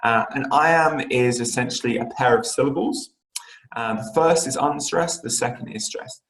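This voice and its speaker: Male English teacher giving a recorded lesson; middle pitch, lots of ums and restarts, room echo. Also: moderate pace, fairly bright tone. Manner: explanatory, frequent fillers and restarts. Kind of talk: online lesson lecture.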